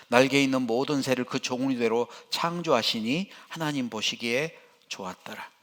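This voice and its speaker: An older man, a pastor, preaching a sermon in church with animated, folksy storytelling. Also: on the high side.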